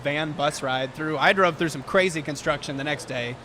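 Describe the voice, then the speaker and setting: A man hosting a sports podcast in a casual, jokey, chatty way, with quick back-and-forth banter. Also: fairly high pitch, pushed and bright, a little hiss or hum. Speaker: podcast host.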